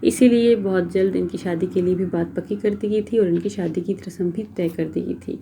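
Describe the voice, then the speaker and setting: A woman storyteller reading a romance novel aloud in a steady, dramatic manner. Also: fairly low pitch, slight background noise.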